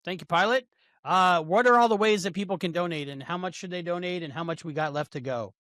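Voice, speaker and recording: A man's voice: high-pitched, fast talker, bright, forceful tone, no echo, clean studio sound. A man hosting a casual podcast chat, upbeat, thanking the guests and listeners in turn. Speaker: podcast host.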